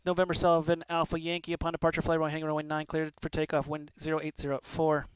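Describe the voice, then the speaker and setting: A man's voice: a little high, completely flat delivery, very fast, clear, resonant tone, dry recording, poor audio. A man working as an air traffic controller, giving procedural, clipped radio instructions with courteous sign-offs. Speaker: air traffic controller on a flight-simulation network.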